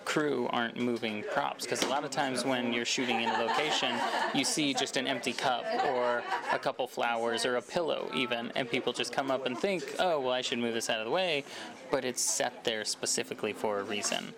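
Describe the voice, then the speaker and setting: A man's voice: medium pitch, steady tone, moderate pace, creaky, a crowd in the background. A man from Arkansas, a filmmaker, explaining his work casually in an interview. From Arkansas, United States. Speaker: filmmaker and lead actor being interviewed.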